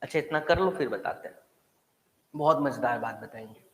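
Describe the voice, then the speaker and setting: A man with an Indian accent teaching a live online class, repeating terms slowly so students can memorize them. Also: medium pitch. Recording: echoey room with long reverb.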